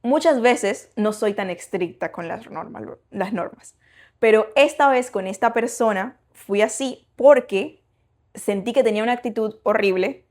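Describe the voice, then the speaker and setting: A woman's voice: on the high side, unhurried, darkish tone. A young woman co-hosting a podcast, telling a personal story in casual chat with lots of fillers and restarts. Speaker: podcast co-host.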